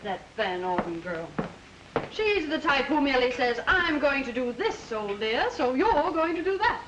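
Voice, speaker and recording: A quick-tempered young bride, tart and excitable, her high voice leaping about. The sound is dull and hissy, an old 1930s film track. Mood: peeved.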